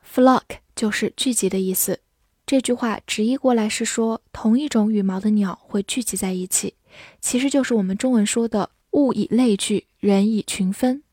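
A woman teaching English vocabulary, spelling words slowly letter by letter in a clear, scripted lesson. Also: mid-range voice, dark tone, dry recording, clean studio sound.

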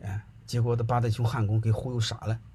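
A man's voice: fairly low pitch, little pitch movement, fast, darkish tone, slight background noise. A middle-aged man telling anecdotes to an audience in a chatty, colloquial way, often asking whether listeners follow. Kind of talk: casual storytelling to an audience.

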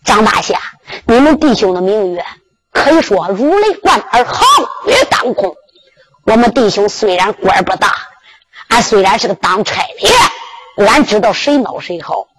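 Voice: mid-range voice, very animated, moderate pace, fairly bright tone, slight background noise, low-quality recording. A storyteller with a Henan accent, chanting and narrating a Henan zhuizi tale.

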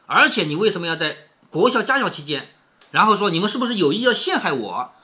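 A man's voice: high voice, sing-song, fast, sharp tone. A man reading a classic novel aloud and commenting on it in a conversational way, often tossing in rhetorical tag questions.

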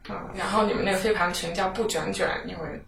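A woman's voice: mid-range voice, steady tone, fast, vocal fry, crowd noise. A woman hosting a casual podcast chat, asking playful questions. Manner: chatty, asks playful questions. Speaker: podcast host. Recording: roomy, distant mic with noise.

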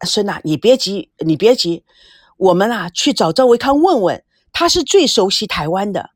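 A woman's voice: mid-range voice, very animated, normal speed, no echo. Worried young guy talking his friend down, woman reading the part, close dry sound. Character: worried, level-headed young man.

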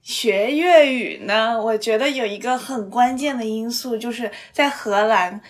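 Playful young Mandarin-accented woman, higher-pitched voice. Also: unhurried. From China. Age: 20s. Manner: teasing, bantering. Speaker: podcast host. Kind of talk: casual, playful co-hosted podcast chat.

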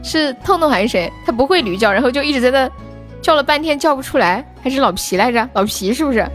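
A young woman from Sichuan with a high, bright voice chats casually to her livestream viewers. She is playful and giggly, breaking into yelps while she games. Faint music plays softly behind her. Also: lively intonation, quick pace. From Sichuan, China. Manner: playful, giggly, yelps and shrieks mid-game.

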